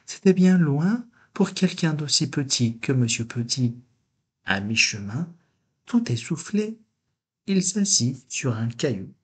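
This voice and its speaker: A man reading a children's storybook aloud in a slow, gentle storytelling manner. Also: mid-range voice, animated, slightly rough. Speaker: storybook reader.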